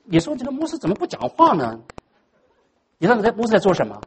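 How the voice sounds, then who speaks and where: A pastor delivering a sermon at a fast clip. The pitch moves in wide, lively swings, and the dramatic delivery drops to a near hush before climbing loud again. English words slip into the speech now and then. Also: slightly rough, low-quality recording. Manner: animated, dramatic, swings between hushed and loud.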